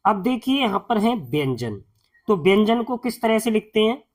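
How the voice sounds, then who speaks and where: A man teaching as a tutor in a slow classroom-style lesson, patiently repeating each sound and spelling step by step. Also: sits high, very animated.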